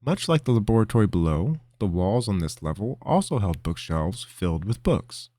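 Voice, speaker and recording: Male narrator reading his own fiction, lively pitch, bright dry sound. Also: no room sound. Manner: measured, expressive storytelling. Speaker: author and narrator.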